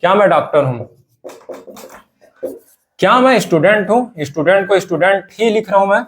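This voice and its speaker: A man's voice: high-pitched, animated, moderate pace, a bit bright. A man teaching English grammar, drilling example sentences over and over. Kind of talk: classroom grammar lesson.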